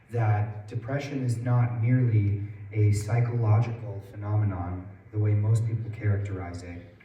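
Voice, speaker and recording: A man in his twenties with a hoarse, worn-out voice, giving a personal public talk as a guest speaker. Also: lowish voice, dark tone. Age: 20s. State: hoarse from losing his voice that morning. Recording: roomy echo, distant mic, faint noise.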